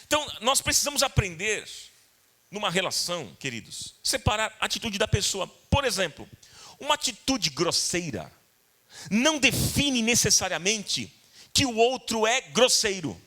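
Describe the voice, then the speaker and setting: A Brazilian pastor delivering a sermon, a man with a Brazilian Portuguese accent. His voice sits high and bright, and his pitch swings widely as he repeats key points and turns to address the congregation. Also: big pitch swings, moderate pace. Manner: earnest, repetitive, addresses congregation directly. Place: church.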